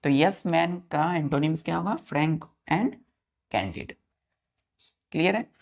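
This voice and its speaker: A woman with a low, darkish voice leads a vocabulary lesson in class, spelling each word slowly, one letter at a time, and frequently checking that her students understand.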